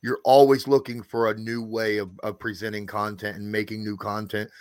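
A man's voice: lowish voice, little pitch movement, normal speed, smooth, no echo, clean studio sound. A man co-hosting a podcast in casual chat, laid-back and agreeable.

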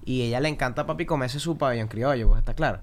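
A young adult man with a Venezuelan Spanish accent, a singer-songwriter telling animated, slang-filled anecdotes on a casual podcast. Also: medium pitch, quick pace.

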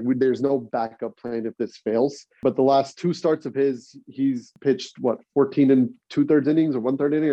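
A man's voice: mid-range voice, dry recording, lo-fi sound. A man co-hosting a podcast, chatting casually and laughing often, with rambling restarts. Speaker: podcast co-host. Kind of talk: casual sports chat.

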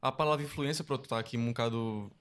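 A man with a Brazilian accent, a podcast guest telling stories in a lively way, acting out quotes and often restarting his sentences. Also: medium pitch, fast. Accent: Brazilian Portuguese. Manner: animated, acts out quotes, many restarts. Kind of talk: casual storytelling chat.

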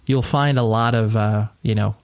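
An American man hosting a podcast at night, keeping his voice quiet and restrained as he rambles informally and earnestly through a casual intro. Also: on the low side, steady tone, moderate pace, no room sound. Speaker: podcast host. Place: at home at night, next door to a sleeping person.

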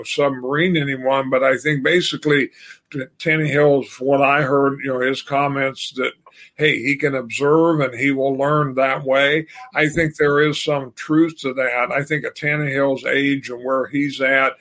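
A man's voice: medium pitch, creaky, a bit bright. An older man, the host's father, talking sports casually and rambling with many fillers and restarts. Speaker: podcast guest.

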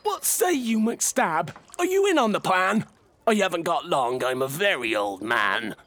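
An actor playing a very old, blind, wily sailor who persuades in rhyme, as in an audio drama. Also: male voice, high-pitched, sing-song, unhurried, a bit bright, heavily acted. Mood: eager, persuasive. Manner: very old man's delivery. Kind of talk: rhyming audio drama storytelling.

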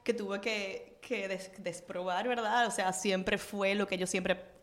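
A woman's voice: medium pitch, steady tone, takes it slowly. A woman guest in a podcast interview, a business coach who laughs easily and agrees readily.

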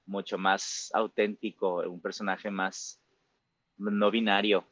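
A Mexican man in his forties, a musical theater performer with a Mexican Spanish accent, reflects slowly in a casual interview, his talk packed with fillers and tag questions. His lowish voice has a flat delivery and a fairly bright tone. The audio is dull but has no echo.

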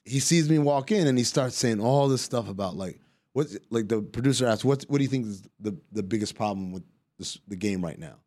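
A man's voice: mid-range voice, fairly quick. Man telling a story with acted-out quotes. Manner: animated anecdote-telling, acting out quoted dialogue, casual swearing. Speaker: podcast guest, basketball analyst. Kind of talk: casual storytelling chat.

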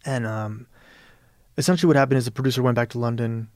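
A Peruvian novelist and radio producer appears as a guest in a casual interview conversation, speaking fast in a medium-pitched, slightly mellow voice. The clean studio recording has no room sound. He rambles, restarting often and saying "you know" a lot.

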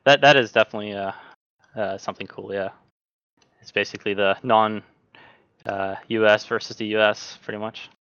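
A man's voice: on the low side, clear, resonant tone, no room sound, lo-fi sound. A young man from Norway, a sim racing driver, talking casually as a podcast guest with lots of fillers and restarts. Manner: relaxed, halting, many fillers and restarts.

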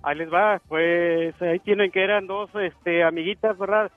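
Tinny phone caller from northern Mexico. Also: male voice, high-pitched, steady tone, moderate pace, soft background music. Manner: easygoing, rambling with fillers. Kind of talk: telling a joke on a call-in radio show.

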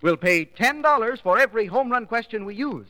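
Old 1940s radio announcer guy doing a formal ad pitch, high voice, long echoey reverb. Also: lively intonation, a little fast, pushed and bright. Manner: formal, emphatic sales-pitch delivery. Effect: old 1940s radio broadcast recording.

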